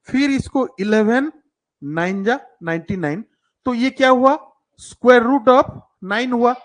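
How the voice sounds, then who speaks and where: In a live online class, an entrance-exam coaching teacher walks children through math, coaxing them, teasing them, and dropping in English terms. He speaks slowly, and his voice is very high.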